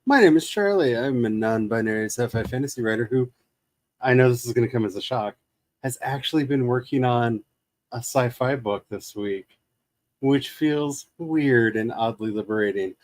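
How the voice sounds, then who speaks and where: A man's voice: medium pitch, normal speed, no echo. A man hosting a casual gaming stream, chatting in wry, rambling asides. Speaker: livestream host. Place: room shared with second speaker.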